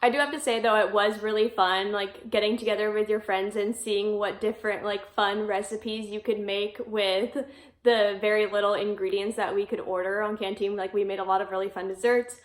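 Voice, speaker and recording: A woman in her twenties chatting casually to camera in a vlog, filling her talk with "like" and quick laughs. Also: medium pitch, fairly even intonation, echoey room. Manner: chatty, peppered with "like", frequent laughs. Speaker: vlogger. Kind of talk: casual talking-head vlog.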